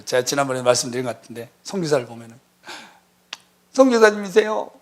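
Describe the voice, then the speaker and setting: A man in his forties, a missionary preaching a lively sermon in a church, telling stories and acting out the voices in them. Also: high voice, brisk, breathy edge. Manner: animated storytelling, acting out quoted voices.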